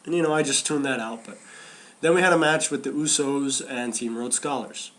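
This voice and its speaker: A man's voice: mid-range voice, normal speed. Chatty man breaking down wrestling. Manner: animated, restarts and repeats phrases. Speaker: podcast co-host. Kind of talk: casual wrestling chat.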